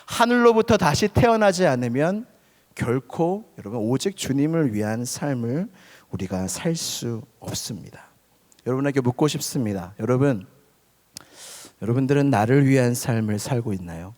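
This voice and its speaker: A young man preaching a sermon, talking to his listeners directly, at times loud and at times dropping to a near-whisper. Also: mid-range voice, expressive, normal speed. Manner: conversational, often addresses listeners directly; swings between loud emphasis and soft near-whispers. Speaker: pastor. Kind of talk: youth sermon. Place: church sanctuary. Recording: long hall reverb.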